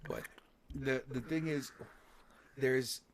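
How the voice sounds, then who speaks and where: A man's voice: medium pitch, takes it slowly, noisy background. A man in his thirties co-hosting a casual podcast, pushing back with frequent restarts and stammers. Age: 30s. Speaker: podcast co-host. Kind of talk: casual chat.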